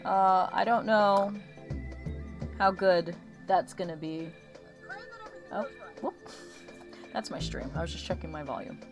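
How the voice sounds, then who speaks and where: A woman with a lowish voice talks slowly and pauses often as she hosts an art livestream, lo-fi music in the background. Her chat is casual and rambling, she frequently interrupts herself, and a missing molar leaves her with a slight lisp.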